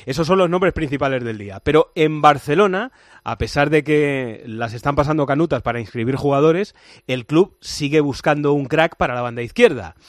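A man with a Spanish accent hosting a night sports radio show, reading the day's football news with brisk, wry delivery into a studio microphone. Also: fairly high pitch, dry recording. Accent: Spanish (Spain). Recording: dry studio sound.

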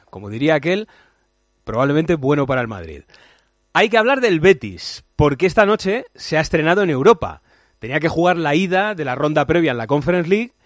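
Brisk Spanish sports radio host. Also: male voice, fairly high pitch, dry recording. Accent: Spanish (Spain). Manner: brisk, wry news delivery. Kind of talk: radio sports news presenting. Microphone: studio microphone. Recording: dry studio sound.

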